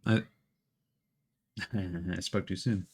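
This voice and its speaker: With game music behind him, a man provides relaxed live game commentary, musing aloud into a streaming mic and headphones. His lowish voice has a breathy edge, and he talks slowly in a level tone.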